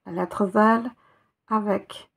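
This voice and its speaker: A woman's voice: mid-range voice, fairly even intonation, extremely slow, creaky, slightly rough. A woman teaching Arabic letters one by one, patiently spelling out each sound and repeating it. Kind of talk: step-by-step reading lesson.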